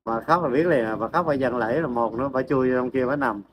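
A man's voice: mid-range voice, fast talker, highs cut off, slight background noise. A man talking to his dogs in a casual farm vlog, coaxing them with repeated questions and then explaining to viewers. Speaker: farm pet vlogger. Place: outdoors at a farm home. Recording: outdoor ambience and animal sounds behind.

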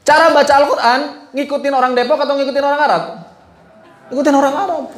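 A man leads a recitation class in a casual, chatty tone, stopping often to ask his listeners questions. His voice sits high, and the room around him rings with noticeable echo. He moves easily between everyday talk and careful explanation. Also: steady tone, quick pace, a bit bright. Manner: asks the class questions, mixes casual speech with chanted Arabic. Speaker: Quran recitation teacher. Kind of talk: informal religious lesson.

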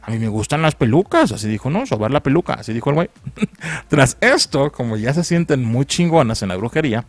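A man's voice: mid-range voice, dry recording. A man with a Mexican accent giving a crude, mocking, slang-filled comedic film recap. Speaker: film critic.

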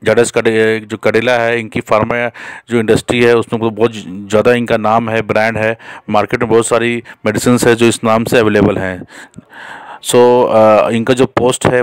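Man, job-channel host, monotone, smooth clear voice, dry close mic. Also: medium pitch, no echo. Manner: casual, repetitive, frequent fillers and restarts. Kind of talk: unscripted job-listing voice-over.

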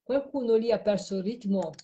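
A woman's voice: medium pitch, fairly quick, muffled recording, heavy background noise. A tired woman hosting a late live stream, talking to a caller while she replays audio clips. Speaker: host of a live show on spirit voice recordings.

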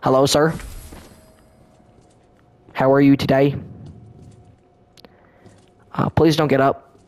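A man giving casual let's-play commentary, chatty and excitable, often talking straight to the enemies on screen. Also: medium pitch, slow pace. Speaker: gameplay commentator.

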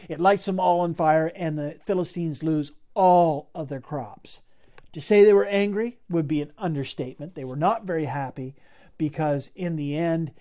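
A man's voice: on the high side, darkish tone. A man preaching a sermon, retelling a Bible story in a casual, conversational way with asides to the listeners. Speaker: pastor.

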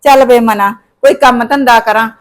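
A nagging middle-aged mother-in-law from a village drama, grumbling about her family, played by a woman. Her voice sits high and she speaks, scolding and complaining at length. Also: fairly even intonation, moderate pace, close to an everyday voice. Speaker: actor in a short village drama. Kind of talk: scripted village short film acting.

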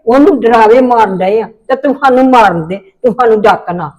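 A woman's voice: on the high side, normal speed, darkish tone, dull audio. A middle-aged woman with a Punjabi accent, acting a firm, scolding mother in a family drama.

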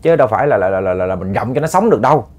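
A man's voice: fairly low pitch, animated, racing, darkish tone. A man with a Southern Vietnamese accent telling a ghost story to listeners, casual and chatty with many repeated words.

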